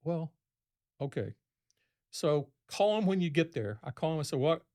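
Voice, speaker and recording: A man's voice: fairly high pitch, very animated, moderate pace, mellow. Man telling a rambling road story. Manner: rambling, acts out quoted speech in a raised voice. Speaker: podcast guest. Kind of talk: casual storytelling.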